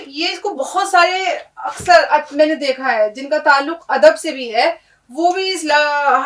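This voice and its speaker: A woman's voice: high voice, a bit bright, distant mic, rough recording. A woman teaching Urdu pronunciation, patiently explaining each word and checking in with her listeners.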